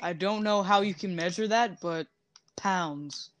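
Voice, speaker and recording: A man chatting casually while playing a zombie game, joking and rambling, often trailing off softly. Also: sits high, measured pace. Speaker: gamer streaming zombie survival. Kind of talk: casual gaming chat.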